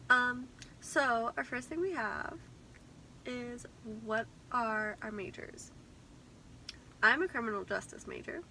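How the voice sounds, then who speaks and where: A young woman hosts a chatty vlog and moves through a list of questions in an upbeat way. Her voice is bright and crisp and sits a little high. Faint room noise runs behind her. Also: slow, pauses often, poor audio. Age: young adult. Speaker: co-host. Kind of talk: casual chat.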